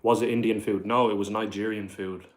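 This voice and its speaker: Hosting a casual livestream, an Irish man from Dublin reads out viewer questions and answers them, full of "like" and "bro." He speaks fairly quickly in a lowish voice with fairly even intonation, and there's slight background noise.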